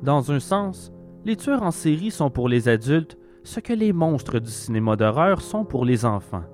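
Faint guitar music lies beneath this scripted documentary narration by a Québécois host. His mid-pitched voice is a little mellow and very animated, rising and falling as he tells things reflectively at a slightly slow pace.

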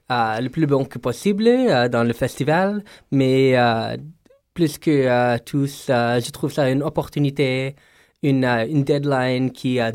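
Halting man with a foreign accent in French. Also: medium pitch, darkish tone, smooth, dry recording, studio quality. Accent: English-speaking foreign accent in French. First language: English. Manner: halting, searching for words in second-language French. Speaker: performing artist interviewed about his festival piece. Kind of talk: interview answer.

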